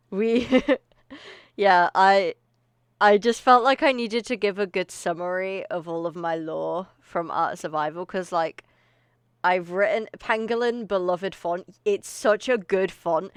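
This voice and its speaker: A woman's voice: fairly low pitch, clean tone, dry recording, studio quality. A woman streamer chatting casually to her live audience, a little out of breath, rambling and often laughing. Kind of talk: casual livestream chat.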